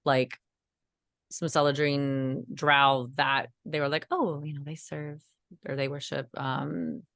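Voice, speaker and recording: A woman's voice: low-pitched, level tone, slow, gravelly, a bit bright, no echo, clean studio sound. A woman co-hosting a casual chat while getting over a cold, talking loosely with lots of fillers and restarts and the odd giggle. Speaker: co-host.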